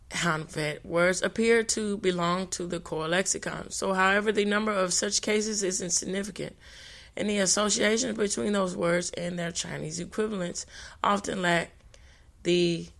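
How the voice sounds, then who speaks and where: A woman podcast host reads notes for a language talk in a mid-range, slightly bright voice with vocal fry. She halts often, stumbling and restarting on hard words and offering brief apologies.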